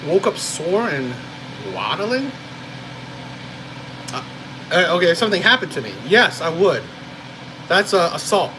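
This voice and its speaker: Male live-stream host from New Jersey, loose rambling chatter, slightly high voice, audible air-conditioner hum. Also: sing-song, unhurried, pauses often. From New Jersey, USA. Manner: rambling, frequent "right?" and "you know". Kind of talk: casual live-stream chat.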